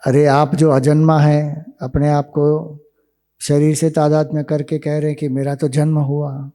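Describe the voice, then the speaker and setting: A man giving a spiritual discourse, explaining ideas slowly with rhetorical questions to listeners in a hall. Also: a little high, little pitch movement, warm tone. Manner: slow, deliberate, rhetorical questions. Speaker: spiritual teacher. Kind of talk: Vedanta discourse to youth camp.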